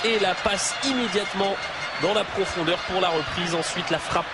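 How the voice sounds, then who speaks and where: A man giving excited live football commentary as lead commentator, exclaiming and shouting at goals and chances. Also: high-pitched, normal speed, a loud crowd. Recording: loud ambient noise behind the voice.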